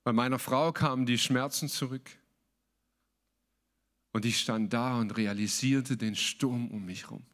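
A man's voice: mid-range voice, fairly even intonation, unhurried, pauses often, a bit bright. A man preaching a sermon as a pastor, emphatic and colloquial, mixing in English words.

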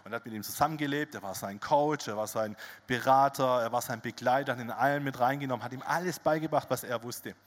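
A male pastor preaching a sermon in a church hall, with lively storytelling and relaxed, casual asides. His voice sits at an ordinary middle pitch, and a long hall reverb trails after his words. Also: fast talker.

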